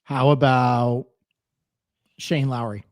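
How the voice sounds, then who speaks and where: A man's voice: medium pitch, little pitch movement, slow pace, a little mellow, no echo, studio quality. A man co-hosting a podcast in casual chat, loose and easygoing, laughing often. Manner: chatty, laughs easily, loose pacing with fillers. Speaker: podcast co-host.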